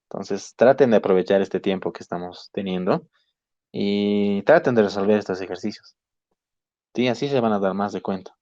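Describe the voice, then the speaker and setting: A man's voice: on the low side, normal speed, dark tone, no echo. Man teaching chemistry, patient. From Bolivia. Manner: patient, explains step by step, checks in often with "¿sí?". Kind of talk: online class lecture. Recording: dry, dull lo-fi call audio.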